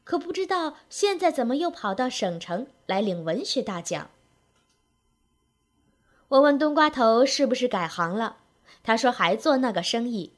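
Higher-voiced woman telling a comic tale. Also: moderate pace. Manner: lively, wry narration with rhythmic phrasing. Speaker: storyteller. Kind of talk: spoken comic storytelling.

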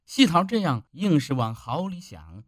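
Guy reading a story aloud, slow and expressive, dry close mic. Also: fairly high pitch, no echo. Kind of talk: audiobook narration.

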